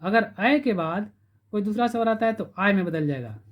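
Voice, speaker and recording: A man teaching a grammar lesson, repeating terms and stretching syllables slowly to spell them out. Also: high-pitched, lively intonation. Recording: dull lo-fi recording.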